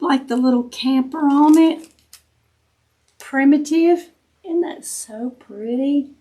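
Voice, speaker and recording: Husky Southern US woman opening a present. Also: sits high. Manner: slow, halting, appreciative gift-opening talk. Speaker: craft vlogger. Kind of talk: casual chat while opening a present on camera.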